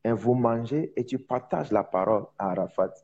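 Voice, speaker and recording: A man preaches informally in French about evangelism, speaking it as a second language with a foreign accent. His mid-range, darkish, husky voice leans on emphatic repetition and pauses haltingly to search for words, and the audio sounds dull.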